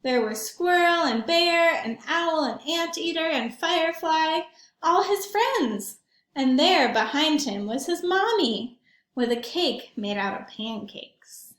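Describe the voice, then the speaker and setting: In an echoing room, a woman with a high voice reads a children's picture book aloud at a slow pace. Her delivery is animated and emphatic, and she keeps pausing to ask her young audience simple questions.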